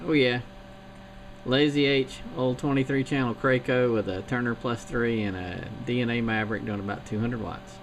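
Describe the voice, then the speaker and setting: Over a CB radio link thick with static, a man from around Charleston on the South Carolina coast describes his equipment plainly and technically. He speaks at a normal speed in a mid-range voice with fairly even intonation.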